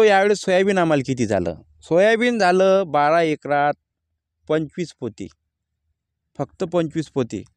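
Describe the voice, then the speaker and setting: Man, high voice, dry close sound, outdoor farm vlog, blunt. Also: a little mellow, no echo. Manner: plain-spoken, rising to angry complaint. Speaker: farmer vlogger. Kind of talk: casual vlog talk to camera.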